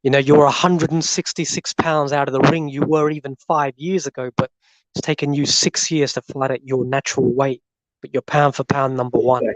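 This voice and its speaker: A man's voice: on the high side, fairly even intonation, moderate pace, no room sound, low-quality recording. Man, boxing podcast co-host, sarcastic and emphatic, dry recording. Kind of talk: casual boxing chat.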